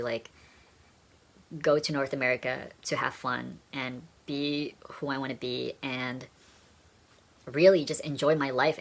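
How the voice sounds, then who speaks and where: A man's voice: mid-range voice, gravelly, fairly bright tone. A young man from Indonesia earnestly telling his personal story to camera as a vlogger.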